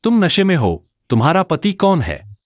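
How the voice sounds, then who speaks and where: An actor in a dubbed short drama playing a calm, protective young male student with a cool, controlled manner. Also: on the high side, moderate pace, no echo, muffled recording. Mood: gentle.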